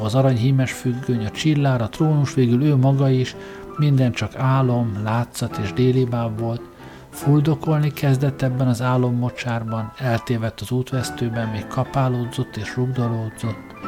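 Male storyteller reading over music. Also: medium pitch. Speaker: audiobook narrator. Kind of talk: scripted story narration.

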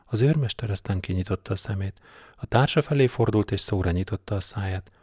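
A man narrating an audiobook in a measured, deadpan storytelling manner. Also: on the low side, breathy edge, no room sound, studio quality. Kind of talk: scripted narration.

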